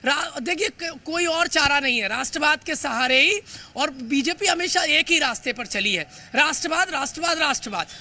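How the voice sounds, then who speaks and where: A man reporting live for the news, emphatic and hurried, often stumbling over words and filling pauses. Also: very high-pitched, animated, bright, forceful tone. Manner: fast, emphatic, with frequent stumbles and fillers. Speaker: field reporter.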